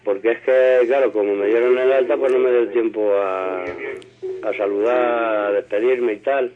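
A man's voice: fairly low pitch, steady tone, measured pace. A man calling in to a radio show over the phone, chatting casually and hesitantly, with many fillers. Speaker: radio caller. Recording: tinny phone line with crowd noise behind.

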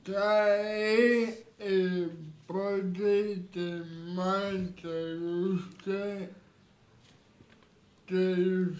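A man's voice: high voice, reverberant. A man asking questions about sports. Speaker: interviewer.

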